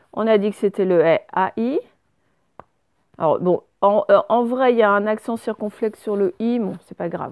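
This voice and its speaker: A woman's voice: medium pitch, creaky, darkish tone, no echo, studio quality. A woman teacher giving a patient spelling lesson, spelling words out letter by letter for young pupils. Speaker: primary school teacher. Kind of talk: recorded remote spelling lesson.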